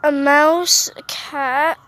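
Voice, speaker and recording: Woman, high voice, slow easygoing delivery; playful gameplay vlogger talking to her audience outdoors. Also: steady tone, fairly bright tone, a little hiss or hum. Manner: chatty and playful, talking to viewers while playing. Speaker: mobile game vlogger. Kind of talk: casual gameplay commentary. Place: sitting on a roof outdoors. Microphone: phone.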